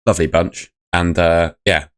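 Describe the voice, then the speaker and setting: A young man hosts a casual live football review for a fan channel, his low voice croaky from shouting the night before. He speaks at a moderate pace in a level tone, chatty and rambling as he reads out chat messages.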